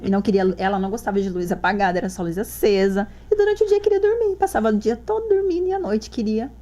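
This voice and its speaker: A woman's voice: mid-range voice, darkish tone. A woman, a mother guest on a podcast, telling her story in casual chat and acting out the dialogue she quotes.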